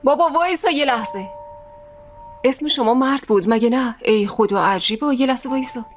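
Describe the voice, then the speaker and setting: Woman voicing a gentle caring young mother. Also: sits high, slight background noise, natural voice. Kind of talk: dubbed TV drama. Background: faint music.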